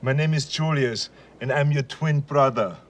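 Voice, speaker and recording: A man's voice: medium pitch, normal speed. An actor playing an earnest, literal-minded man meeting his twin brother in a film scene. He talks with the phone held away, so his voice sounds distant, and his manner is stiff and formal. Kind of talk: film dialogue.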